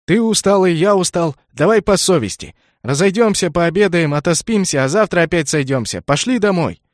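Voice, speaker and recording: A man voicing a tired, easily irritated young mage in an audiobook, talking louder and higher. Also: sing-song, brisk, no room sound, clean studio sound. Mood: coaxing. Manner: raised, exasperated. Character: young male wandering mage, weary, testy.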